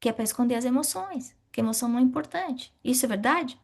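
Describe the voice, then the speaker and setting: Teaching a spiritist study class, a middle-aged woman speaks fast in a high voice with vocal fry. She asks questions and answers them herself in a lively way.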